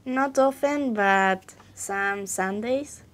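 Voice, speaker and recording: A woman from Argentina, giving halting, simply phrased answers in a spoken English exam. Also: mid-range voice. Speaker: exam candidate.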